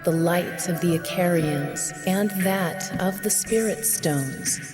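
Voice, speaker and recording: A young woman reading a game's intro narration aloud in a grave, measured way. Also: fairly low pitch. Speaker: player reading game text aloud. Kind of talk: solemn narration of a game intro. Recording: game music playing behind.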